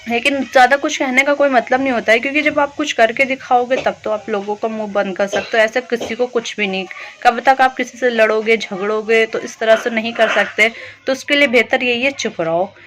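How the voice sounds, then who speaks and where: Young woman vlogging from her kitchen, kinda high voice, chatty, rambles while she cooks. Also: steady tone, a little fast, hardly any pauses, a bit bright, slight background noise. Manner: chatty, rambling, talks while cooking and doing chores. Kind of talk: casual home vlog chat. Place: home kitchen.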